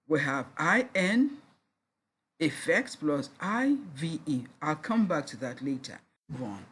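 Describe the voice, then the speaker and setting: Husky, deliberate university lecturer. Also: medium pitch. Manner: slow, deliberate, repeats each word to sound it out and spells out letters. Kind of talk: recorded lecture.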